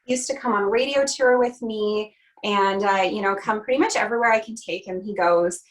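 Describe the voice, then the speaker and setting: A woman's voice: medium pitch, fairly quick, poor audio. Upbeat chatty woman from Canada. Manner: chatty, upbeat, laughs often. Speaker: country singer, interview guest. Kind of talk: casual video-call interview.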